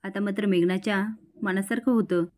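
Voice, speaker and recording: A woman narrates a TV serial episode recap as a vlogger. Her voice sits at an ordinary middle pitch, and she tells the story in a plain, steady way. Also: brisk.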